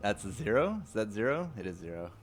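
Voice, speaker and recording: A young man casting a live esports match, excitable and quick to laugh, chatting with viewers between plays. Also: on the low side. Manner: excitable, laughing, talks to chat. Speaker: esports caster. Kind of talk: live game commentary.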